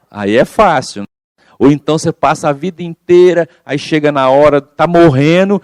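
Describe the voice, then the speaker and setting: Male study leader, colloquial and explanatory, mid-pitched voice, dry close sound. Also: darkish tone, no echo. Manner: colloquial, explains by acting out examples. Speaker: spiritist study group leader. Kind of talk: informal group study talk.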